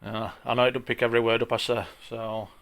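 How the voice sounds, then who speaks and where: A man with a broad Yorkshire accent talking through an informal software tutorial in a plain-spoken, chatty way, with a gravelly voice. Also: medium pitch, flat delivery, fast talker. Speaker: tutorial presenter.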